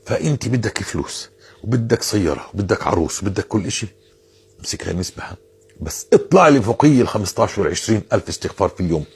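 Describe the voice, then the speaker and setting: A man's voice: on the low side, animated, rapid-fire, vocal fry, breathy edge. A man giving informal religious advice, earnest and insistent, repeating phrases to drive his point home.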